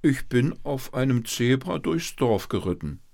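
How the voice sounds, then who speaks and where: A man's voice: medium pitch, big pitch swings, measured pace, gravelly, a little mellow, voice pushed up. A man voicing a cheeky little schoolboy in a bedtime storybook reading, talking in an eager, whiny way. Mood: matter-of-fact. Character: cheeky little schoolboy who wants mischief.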